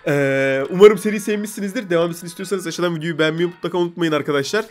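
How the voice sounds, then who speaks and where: A man's voice: fairly high pitch, racing. A man with a stuffy nose from a cold, hosting a casual let's-play and chattily bossing the game's customers around. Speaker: gaming video host.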